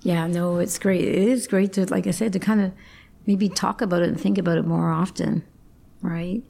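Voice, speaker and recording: A woman's voice: fairly low pitch, steady tone, normal speed, creaky, warm tone. A middle-aged woman talking casually and reflectively, often checking in with a "right?" at the end of phrases.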